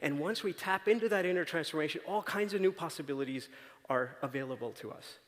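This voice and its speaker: A fast-talking man with a slightly bright voice on the high side gives a conference talk that's conversational and full of stories. He regularly checks in with listeners by asking "right?". The setting is a large auditorium stage, with the long reverb of the hall.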